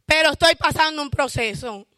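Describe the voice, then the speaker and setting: A woman's voice: sits high, moderate pace, dry recording, studio quality. A woman giving a fervent church testimony, calling out hallelujahs. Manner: self-described loud shouter.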